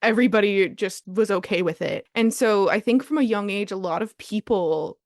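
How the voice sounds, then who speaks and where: A woman's voice: medium pitch, moderate pace, no echo, studio quality. A woman composer speaking thoughtfully on a podcast roundtable, with frequent fillers and restarts. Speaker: composer guest.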